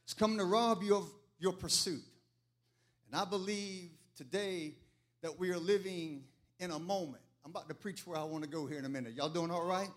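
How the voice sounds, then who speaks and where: Male pastor, high voice, church sermon with chanted fervent peaks. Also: a little fast. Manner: preaching in rising waves, chanting when fervent. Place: church sanctuary.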